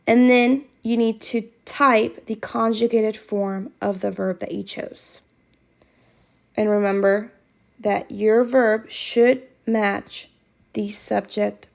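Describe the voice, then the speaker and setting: A woman's voice: mid-range voice, creaky. A woman teaching Spanish, reading quiz questions aloud and patiently repeating instructions to her students.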